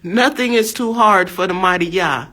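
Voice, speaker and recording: A woman's voice: medium pitch, moderate pace, fairly bright tone. An American woman in her fifties giving a fervent religious testimony, emphatic and exhortative, repeating her phrases. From USA. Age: 50s. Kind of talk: fervent preaching monologue.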